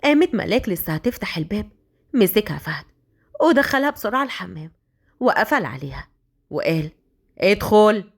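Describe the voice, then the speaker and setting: A woman with an Egyptian accent narrating a romance story in a brisk, dramatic manner. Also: medium pitch, big pitch swings, creaky, slightly rough. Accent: Egyptian Arabic.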